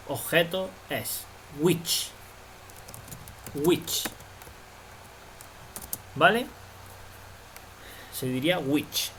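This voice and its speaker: A man's voice: fairly high pitch, a little hiss or hum, poor audio. A man teaching a language lesson, explaining patiently and checking understanding again and again. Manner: slow, patient explaining with frequent "vale?" checks.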